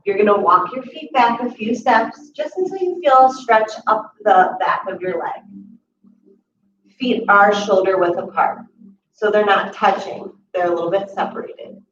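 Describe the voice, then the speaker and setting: A young adult woman guiding a chair yoga class, calmly cueing each step and slowing down to hold the poses. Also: medium pitch. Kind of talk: guided exercise instruction. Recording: distant, roomy, dull audio with steady background noise.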